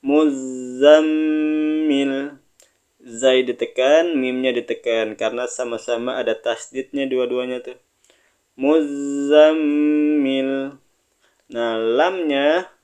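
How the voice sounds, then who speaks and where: A man teaching Quran reading, stretching out each recited word before explaining it plainly, and inviting the listener to read along. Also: medium pitch. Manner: drawn-out sung recitation of words, then plain explanation. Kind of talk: step-by-step recitation lesson.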